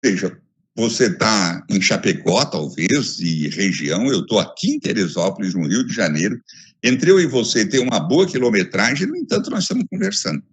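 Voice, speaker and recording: Speaking at a moderate pace in a fairly low, slightly rough voice, a Brazilian Portuguese-accented man delivers an academic lecture via video call on his phone. He is emphatic and expressive, layering ideas with repeated lists.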